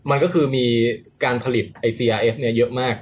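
A man hosting a casual podcast chat, explaining a science story in an animated, playful way. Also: medium pitch, fast talker, slight background noise.

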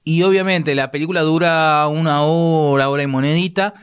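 A man's voice: on the high side, fairly even intonation, moderate pace, smooth. Man, Argentine accent, podcast co-host, casual chat, rambling, restarts his sentences. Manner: rambling, restarts phrases often.

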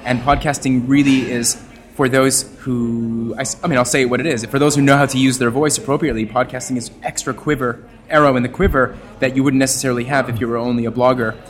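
A man from Canada, a journalist and podcaster, talking at length as an interview guest, with a wordy, expressive manner that plays with his voice. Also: medium pitch, fast talker. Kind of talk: casual interview talk.

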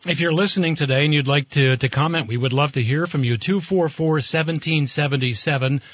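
Higher-pitched man hosting talk radio. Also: fairly quick, a bit bright, dry recording. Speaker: radio talk show host. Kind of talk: live radio hosting, sponsor reads and interviewing. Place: radio studio. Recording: slightly dull studio broadcast.

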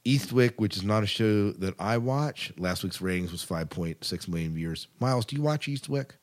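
A moderately paced, expressive American man with a voice on the low side hosts a podcast. He alternates between reading news and casual conversation.

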